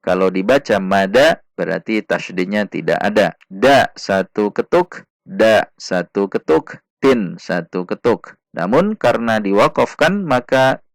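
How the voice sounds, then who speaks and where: Male recitation teacher, low gravelly voice, very slow patient delivery, dry close mic. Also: lively intonation, no echo. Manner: patient, drawn-out syllables with chanted recitation. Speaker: Quran reading teacher. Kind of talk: slow step-by-step recitation lesson.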